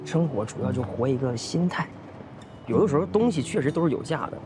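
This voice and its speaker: A man's voice: mid-range voice, expressive, fairly quick, natural voice. An actor playing a young husband who coaxes and pleads with his wife. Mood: coaxing. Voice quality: pleading and repetitive when apologizing. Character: eager, sheepish young husband. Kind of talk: short drama acting. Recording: music bed under the dialogue.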